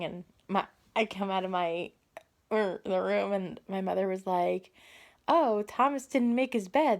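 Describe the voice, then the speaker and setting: A woman telling a casual storytime vlog into a phone camera, rambling and correcting herself as she goes. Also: lowish voice. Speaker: vlogger.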